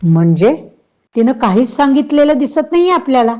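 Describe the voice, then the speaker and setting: A woman's voice: high-pitched, sing-song, a little fast, dark tone, faint music behind, voice pushed up. A woman voicing a humble, earnest young husband who speaks politely and hesitantly, in a read-aloud novel.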